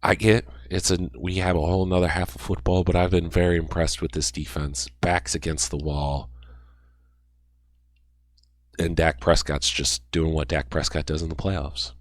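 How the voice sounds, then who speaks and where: Young male gamer, low voice, dry close mic, calls plays like a sportscaster and rambles. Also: moderate pace, few pauses, no echo. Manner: excited sportscaster-style calls, rambling asides. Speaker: gaming YouTuber. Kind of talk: play-by-play commentary over a video game.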